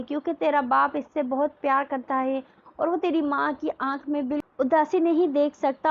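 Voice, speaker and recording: A woman's voice: sits high, muffled recording. A woman voicing a doting, teasing young husband and father in a storybook reading, playful and coaxing with an edge of sternness.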